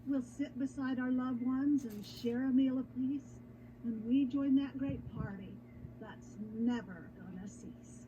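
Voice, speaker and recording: A woman reciting rhymed cowboy poetry in a measured, rhythmic delivery. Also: high-pitched, fairly even intonation. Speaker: cowboy poet. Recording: muffled lo-fi with clear background noise.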